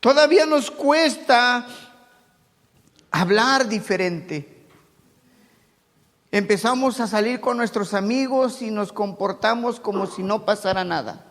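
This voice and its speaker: A man from Mexico City with a Mexico City Spanish accent, preaching a sermon and moving between loud preaching and quiet conversational asides. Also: high voice, a little slow, big-room sound. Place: church hall.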